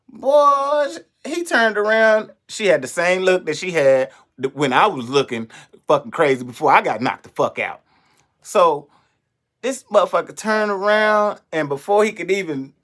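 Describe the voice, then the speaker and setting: A young adult man, a comedian, telling a story in an animated, profane way and acting out the voices of the people in it. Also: fairly high pitch. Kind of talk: storytelling monologue.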